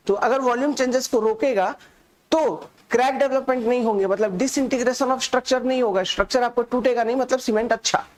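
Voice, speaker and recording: A male instructor giving a live online lecture, speaking slowly and softly on purpose and dictating notes by repeating key terms. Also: extremely high pitch. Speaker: exam-prep instructor.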